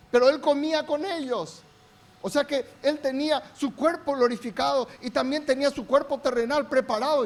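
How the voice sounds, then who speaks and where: High-voiced Paraguayan preacher man. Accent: Paraguayan Spanish. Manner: emphatic preaching with call-and-response to the congregation; repeated rhetorical questions. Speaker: pastor. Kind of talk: sermon. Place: church service.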